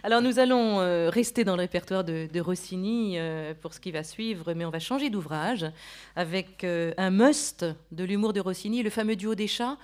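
A woman's voice: medium pitch, normal speed, a little mellow. A woman hosting a live radio programme in French, interviewing and presenting as a broadcaster. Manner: supplies and corrects the guest's words. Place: opera house auditorium.

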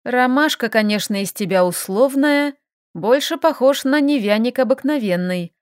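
A woman's voice: a little high, animated, no room sound, close to an everyday voice. Woman putting on a feisty young gal, snappy and bickering, kinda raised voice, dry close audiobook sound. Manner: quick, bickering, exclamatory. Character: feisty young woman, stubborn and sharp-tongued.

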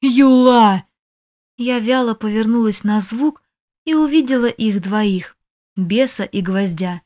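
A woman reads a first-person novel aloud as an audiobook narrator. Her storytelling is emotive and her voice sits at a middling pitch. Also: a little slow, dark tone.

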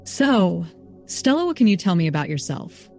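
A woman's voice: fairly low pitch, very animated, normal speed, vocal fry, a little mellow, soft background music. A woman voicing a stern but kind man, a knight-like lord, who speaks in firm, commanding lines.

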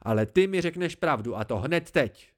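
A man voicing Bast, a volatile young fae man who pleads and shouts in high, excitable outbursts, in an amateur audiobook. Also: natural voice. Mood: furious.

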